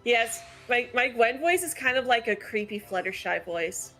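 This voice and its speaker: Bright, opinionated woman chatting about games. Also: on the high side, animated, normal speed. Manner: opinionated, analytical, lots of "like" fillers. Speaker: channel host. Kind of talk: casual gaming chat. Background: faint background music.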